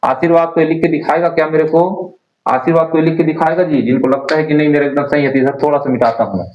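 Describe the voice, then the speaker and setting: A man's voice: a little high, level tone, fast talker, a little hiss or hum. Man teaching a spelling class, echoey. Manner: drills words by repeating them, asks students questions. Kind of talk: online Hindi spelling class. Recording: roomy, dull lo-fi sound.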